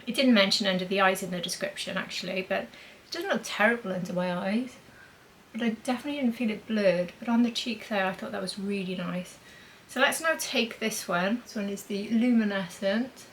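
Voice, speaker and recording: A woman's voice: mid-range voice, brisk, slight background noise, poor audio. A woman demonstrating makeup in a chatty vlog, thinking aloud as she applies blush and powder. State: talking with a mint in her mouth. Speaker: beauty vlogger.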